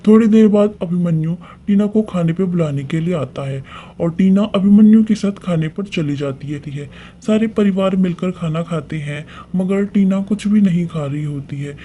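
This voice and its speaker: High-voiced man narrating a story. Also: normal speed, hardly any pauses, slight background noise. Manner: steady, plain narrating.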